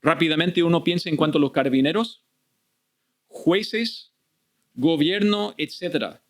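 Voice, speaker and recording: High-voiced male preacher. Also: measured pace. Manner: asks the congregation frequent rhetorical questions. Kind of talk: expository sermon. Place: church.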